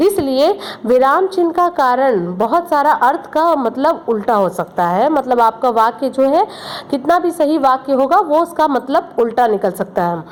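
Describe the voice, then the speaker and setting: A higher-voiced woman teaching a grammar lesson to young pupils. She explains patiently step by step, repeats each example and keeps checking that the class is following. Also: expressive, a little slow.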